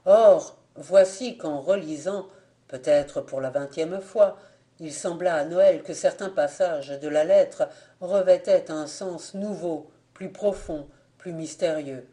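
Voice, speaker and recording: A man narrating an audiobook of an old folk tale in a slow, measured and dramatic way. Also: fairly high pitch, dark tone. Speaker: audiobook reader.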